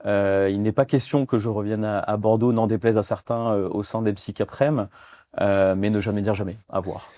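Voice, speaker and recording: A man's voice: fairly low pitch, fairly even intonation, moderate pace, mellow, dry recording. A man in his thirties from France, a guest in a business interview, talking with many fillers and restarts. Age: 30s. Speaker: guest, fund development director.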